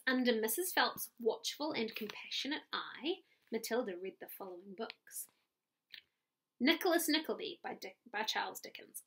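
A woman's voice: a little high, a bit bright, slightly rough. A woman with a New Zealand accent reading a chapter book aloud to children as their teacher, friendly and stopping for little asides.

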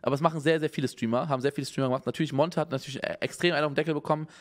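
A man's voice: fairly high pitch, steady tone, very fast. A young man streaming live, reacting to news in a casual, hesitant way with many restarts and a concerned tone.

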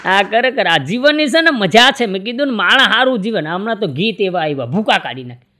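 A man's voice: sing-song, brisk, pushed and bright, a faint crowd. A man from Gujarat telling jokes on stage in a folksy storytelling way, acting out the dialogue in his stories. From Gujarat, India. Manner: folksy storytelling, acts out dialogue with shifting pitch. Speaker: stand-up comedian.

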